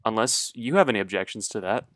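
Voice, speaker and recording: A man's voice: fairly low pitch, lively intonation, fast talker, a bit bright, no room sound. A young man co-hosting a casual podcast, rambling and hesitant with lots of fillers and swearing. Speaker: podcast co-host.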